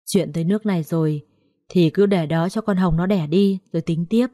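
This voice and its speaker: A woman voicing an older, strict matriarch who speaks curtly and flatly. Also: lowish voice, moderate pace, no echo, studio quality, close to an everyday voice. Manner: flat, curt.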